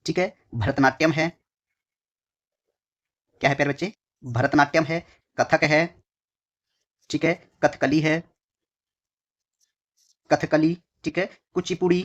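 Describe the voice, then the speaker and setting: Male coaching teacher, slightly higher voice, repetitive dictation, dull lo-fi recording, faint writing sounds behind. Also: fairly even intonation, slow, long pauses. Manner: addresses students fondly and often. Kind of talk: whiteboard lesson.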